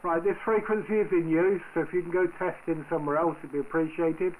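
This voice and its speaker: A man's voice: a little high, fast talker, narrow, tinny audio, a crowd in the background. A man acting as controller of an amateur radio net, speaking informally and hesitantly in radio procedure. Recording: noisy shortwave radio, steady static.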